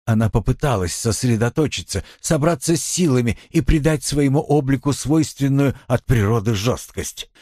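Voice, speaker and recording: A man reading a novel aloud as an audiobook narrator, in a measured, expressive storytelling manner. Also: medium pitch, dry recording, clean studio sound.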